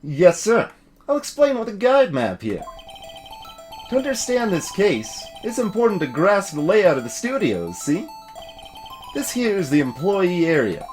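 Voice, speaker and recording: A man voicing a gruff, folksy, bumbling male police detective in a fan-voiced game playthrough, tagging his lines with "see?". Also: high-pitched, huge pitch swings, unhurried, a little mellow, voice pushed up, heavily acted. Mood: explaining. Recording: music playing behind the voice.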